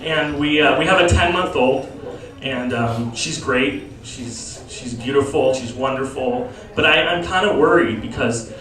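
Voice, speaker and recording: A man in his thirties doing a stand-up comedy set, with deadpan asides and sudden high-pitched voices when he quotes people. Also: measured pace, a crowd in the background. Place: comedy lounge. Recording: very echoey room, from far off. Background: audience laughter.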